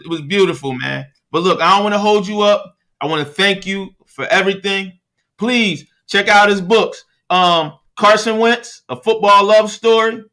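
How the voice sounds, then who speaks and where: A male podcast host chatting in a relaxed, friendly way and trailing off as he searches for words. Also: high voice, moderate pace. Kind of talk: casual podcast interview.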